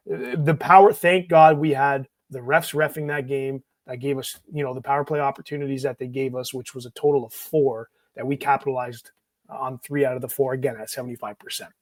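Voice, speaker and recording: A man's voice: mid-range voice, dry recording. A man co-hosting a casual sports podcast, talking in bursts and repeating words as he thinks. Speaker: podcast co-host.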